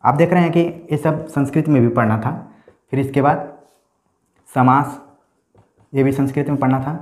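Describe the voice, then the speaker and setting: Hindi teacher in an echoey room. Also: male voice, medium pitch, fairly even intonation, normal speed. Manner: explanatory, checks in with "ठीक है". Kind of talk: exam-prep lecture.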